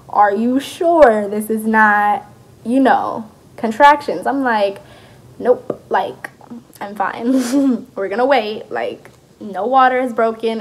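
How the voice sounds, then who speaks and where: A young woman casually telling a personal story as a vlogger, chatty and acting out the dialogue of people in it. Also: fairly high pitch. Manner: chatty, acts out quoted dialogue.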